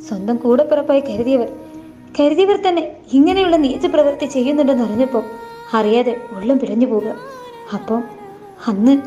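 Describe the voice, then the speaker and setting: A woman reading a novel aloud in the first person, voicing every part herself in a plain, unhurried way. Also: sits high, dark tone. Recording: dull lo-fi voice with faint music.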